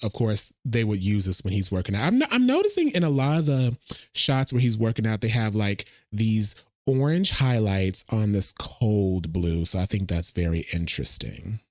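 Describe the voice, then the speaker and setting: Lively man chatting over a trailer. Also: fairly low pitch, no echo, clean studio sound. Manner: chatty, animated, thinks aloud. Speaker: reaction video host. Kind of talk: casual trailer reaction commentary.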